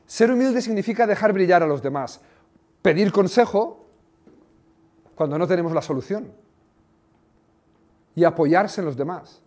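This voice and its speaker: A man, a former coach giving a motivational talk, telling lively anecdotes with sound effects. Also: high-pitched, measured pace, pauses often. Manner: animated storytelling with sound effects.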